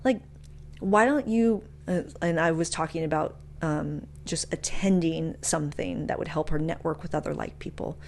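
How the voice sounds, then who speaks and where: A woman with a deep, darkish voice and some vocal fry talks at a moderate pace over slight background noise. She's a motivational speaker and podcast host giving a motivational talk with personal anecdotes, casual and frank, with emphatic delivery and slangy asides.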